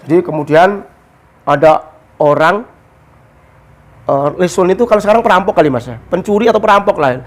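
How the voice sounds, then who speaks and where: A man's voice: moderate pace, pauses often. A man, casually explaining a religious story and acting out the people in it. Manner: animated, acts out quoted characters with raised pitch. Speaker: religious teacher explaining a kitab.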